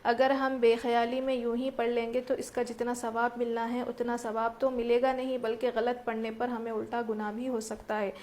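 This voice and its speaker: Woman recitation teacher, higher pitch, even delivery; methodical tajweed lesson. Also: few pauses. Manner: explains rules step by step, asks and answers own questions.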